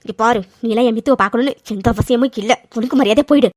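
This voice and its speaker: Woman playing a hot-tempered young cartoon woman, scolding, high voice, dry close sound. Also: no echo, close to an everyday voice. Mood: angry. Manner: shouting, scolding, rapid-fire questions.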